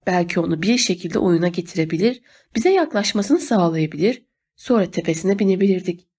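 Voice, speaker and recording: A woman reading a novel aloud as an audiobook narrator, steady and measured. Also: on the low side, breathy edge. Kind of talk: scripted narration.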